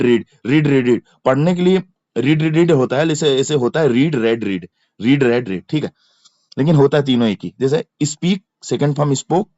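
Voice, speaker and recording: A man's voice: on the high side, darkish tone, dry recording, highs cut off. A man with an Indian accent teaching English grammar in a lesson for exam preparation, explaining in Hindi and drilling verb forms by repeating and spelling them aloud. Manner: repetitive chanting of word forms, spelling letters aloud.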